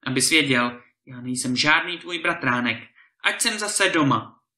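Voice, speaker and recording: A man voicing a bold, cheerful young hero in a storybook reading, with a lively, eager delivery. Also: medium pitch. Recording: roomy echo.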